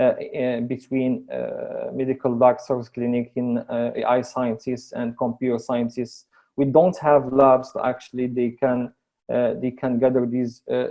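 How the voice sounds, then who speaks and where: Halting Moroccan man with a mellow voice. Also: medium pitch. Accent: North African. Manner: halting, hesitant, repeating words. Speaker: AI researcher and lecturer presenting projects. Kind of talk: webinar presentation.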